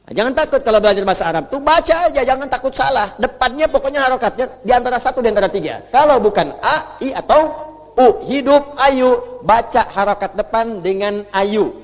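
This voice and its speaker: Guy teaching quran reading in a big echoey hall, fairly high voice, stretches out the arabic slow then talks fast. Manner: recites Arabic slowly, drawn out, then explains in quick talk; asks the audience to repeat after him. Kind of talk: religious lesson. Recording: reverberant hall.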